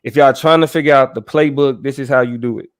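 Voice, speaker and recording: A man hosts a casual recap of a debate, his mid-range voice fairly even in intonation and quick in pace. He chats conversationally, repeatedly checking in with "right?" and "you know what I mean."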